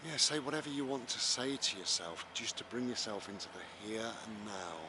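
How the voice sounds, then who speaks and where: A man casually guiding a breathing meditation while walking outdoors, musing and repeating himself, with a tractor rumbling behind him. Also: noisy background. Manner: unhurried, musing, repeating phrases. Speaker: vlogger guiding mindfulness and breathing.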